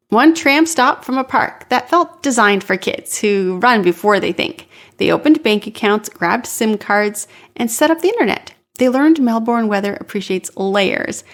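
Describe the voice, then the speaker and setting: A woman narrating a scripted story for a moving-company ad, calm and gentle with unhurried phrasing. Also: on the high side.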